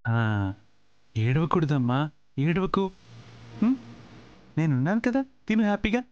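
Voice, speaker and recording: In a TV serial, a male actor plays a kind, protective, gentle middle-aged father figure, coaxing and soothing in a fairly high, sing-song voice. He speaks a little slowly, and the recording has its highs cut off.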